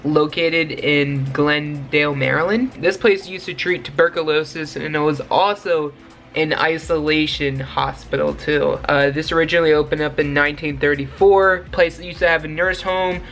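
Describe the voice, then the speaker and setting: A man's voice: fairly high pitch, steady tone, moderate pace, vocal fry, a bit bright, soft background music. A young man vlogging casually from a bedroom, chatty and slangy as he talks straight to his viewers. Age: young adult. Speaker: urban exploration vlogger. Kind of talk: casual vlog talk to camera. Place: small bedroom lit with LED strips.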